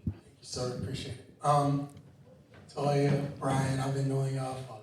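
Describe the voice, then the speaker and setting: A man from the audience speaks hesitantly in a flat monotone. He is far from the mic. The room echoes heavily and there is clear noise behind him. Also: medium pitch, measured pace. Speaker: audience member.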